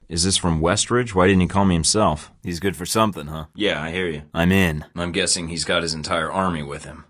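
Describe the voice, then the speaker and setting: Low and a bit bright, the male voice belongs to a wry young secret agent in recorded video game lines. The character stays composed under pressure and speaks in dry, sarcastic, clipped radio-style field talk.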